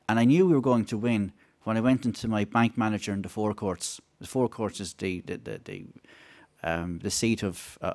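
Low-voiced man, thick Wexford accent. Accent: thick Wexford Irish. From Wexford, Ireland. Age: middle-aged. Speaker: campaign speaker on a panel. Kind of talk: conference talk, speaking informally. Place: conference room, seated at a table. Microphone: gooseneck table microphone.

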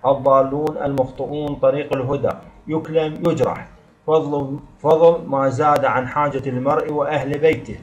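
A male teacher giving an exam review lesson, reading definitions and examples from his notes in a steady, listing way. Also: medium pitch, fairly quick. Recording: slightly dull lo-fi sound.

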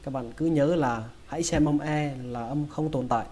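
A man with a Vietnamese accent teaching English pronunciation, breaking each word into sounds and repeating it slowly. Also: fairly high pitch, darkish tone. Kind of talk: slow, drilled pronunciation lesson.

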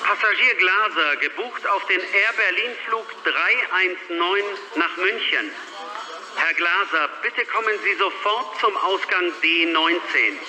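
A man's voice: high-pitched, slow, poor audio. A man making a formal, urgent airport announcement over a PA system.

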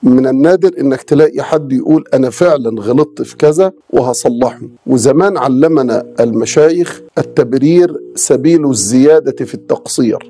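A man with an Egyptian accent, a religious scholar calmly explaining and giving advice on a talk show. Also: medium pitch, brisk. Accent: Egyptian Arabic. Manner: calm, explanatory, quotes sayings. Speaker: Islamic scholar, sheikh.

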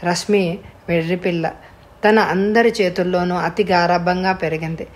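A woman narrating an audiobook story in a steady, even reading voice. Her pitch sits a little low for a woman, calm and measured.

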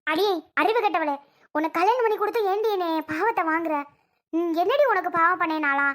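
A woman playing a shrill scolding elder sister. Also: a little fast, a bit bright. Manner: scolding, lecturing, rising shrill outbursts. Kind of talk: homemade family drama skit.

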